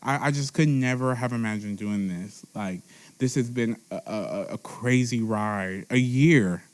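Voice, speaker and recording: Earnest, tipsy young podcast host. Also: male voice, medium pitch, a little slow. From Texas. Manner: earnest, heartfelt, repeats phrases. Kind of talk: emotional solo monologue. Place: seated at a table at home.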